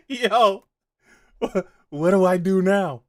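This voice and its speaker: A man's voice: high-pitched, drawn-out words. A man hosting a podcast, reacting to clips with a profane, mocking, laughing rant. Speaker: podcast host. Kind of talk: reaction commentary.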